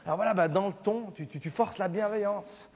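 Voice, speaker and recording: A man performing a stand-up comedy show on a theatre stage, animated and acting out little scenes. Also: high-pitched, a little fast, husky. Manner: animated, acts out scenes with shifting voices. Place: theatre stage with live audience. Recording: live theatre recording, hall reverb, audience laughter. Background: audience laughing.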